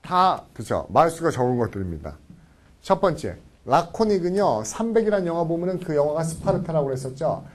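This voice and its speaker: Animated, husky-voiced man lecturing a class. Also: a little high, brisk. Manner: animated, constantly checks in with the class. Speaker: English vocabulary lecturer.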